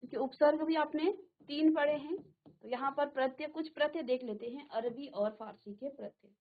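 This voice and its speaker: A middle-aged woman teacher giving a classroom lesson, repeating each word slowly and asking the class questions. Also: high voice, phone-quality sound, a little hiss or hum. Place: virtual classroom studio.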